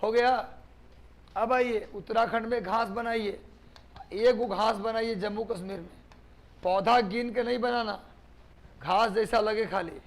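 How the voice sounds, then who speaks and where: A man's voice: high voice, steady tone, unhurried, long pauses. A man from Bihar, teaching a live online class, repeating points for dictation and quizzing students. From Bihar, India. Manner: repetitive dictation, drilling students with questions.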